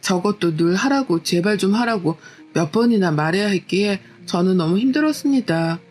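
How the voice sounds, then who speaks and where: A woman's voice: mid-range voice, a little mellow. A woman narrating her own marriage story in a weary, aggrieved, confessional way, as scripted story narration.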